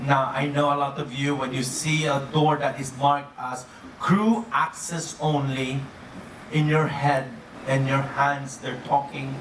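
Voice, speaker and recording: A man's voice: mid-range voice, little pitch movement, unhurried, fairly bright tone. A man speaking as an upbeat, playful cruise director, giving a joking live presentation to guests. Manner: chuckles often at own jokes. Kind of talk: comedic live presentation to an audience. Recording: echoey noisy room, distant mic.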